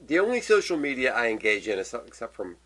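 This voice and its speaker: A man's voice: medium pitch, very animated, fast talker, a bit bright. A man co-hosting a casual political podcast chat, emphatic and sarcastic. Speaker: podcast co-host.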